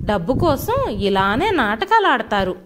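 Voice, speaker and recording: A woman's voice: on the high side, sing-song, unhurried, a bit bright. Brief: angry, snobbish young son, harsh and scornful, woman reading him. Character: arrogant, angry young office-worker son.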